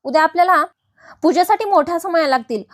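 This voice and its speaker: A woman's voice: very high-pitched, lively intonation, a little fast. A woman voicing a middle-aged aunt who talks earnestly and coaxingly.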